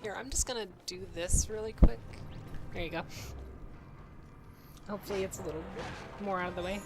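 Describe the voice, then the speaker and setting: Co-hosting a gameplay video, a young woman reads a crude fan story aloud, giggling and breaking into laughter along the way. Her mid-range voice is brisk, set against loud music in a rough recording.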